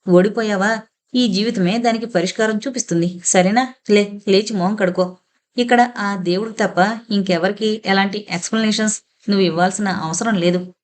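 A woman reading as a caring female friend who speaks softly and reassuringly. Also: medium pitch, fairly even intonation, normal speed, lightly acted. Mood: soothing. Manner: soft, reassuring. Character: caring gentle female friend, soothing and firm.

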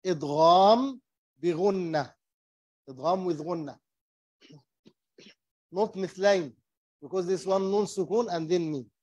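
A man teaching Quran recitation rules, explaining slowly and patiently in English and demonstrating the recitation, repeating each term. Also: sits high, no echo, lo-fi sound. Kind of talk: slow tajweed lesson, mixing English and Arabic. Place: small mosque classroom.

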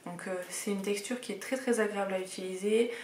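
A woman's voice: mid-range voice, fairly even intonation, fast, darkish tone. Chatty female unboxing host, mid-range voice, recorded in a reverberant room. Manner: chatty, enthusiastic, many hesitations. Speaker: beauty box reviewer. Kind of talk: casual unboxing chat. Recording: roomy echoey room.

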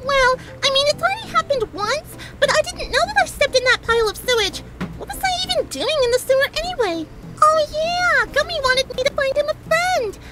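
Pinkie Pie, a squeaky bubbly pony. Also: female voice, animated, brisk, over music, rough recording. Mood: rambling. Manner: bubbly, rambling, giggly. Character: hyper, chatty young female pink pony baker. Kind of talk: fanfic reading, character voice.

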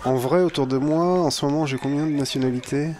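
A man's voice: mid-range voice, steady tone, fast talker, a little mellow. A man hosting a let's play, joking and bantering casually while he plays. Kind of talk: casual gameplay chat.

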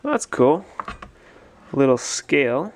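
Slow and mid-range, with big pitch swings, a man's voice comes through over slight background noise. He's a resale store owner narrating a casual unboxing vlog, musing as he sorts totes in a cluttered stock room, captured on a handheld or head-mounted camera.

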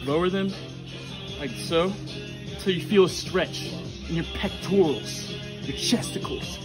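A man's voice: high voice, unhurried, low-quality recording. Joking young man demoing a workout. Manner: playful, bro-ish banter while exercising. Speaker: workout vlogger. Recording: music playing underneath. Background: background music.

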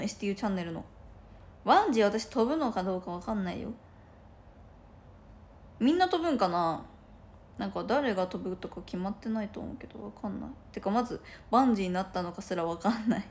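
A woman's voice: mid-range voice, slight background noise. A young woman chatting casually on a livestream from her room, rambling and giggling with many fillers. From Japan. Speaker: idol livestreamer. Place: room at home with no curtains.

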